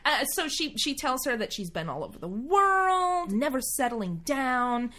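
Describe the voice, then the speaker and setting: A woman's voice: sits high, very animated, unhurried, bright, forceful tone. A woman co-hosting a podcast in casual, comedic chat, playfully emphatic and fond of repeating phrases. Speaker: podcast co-host.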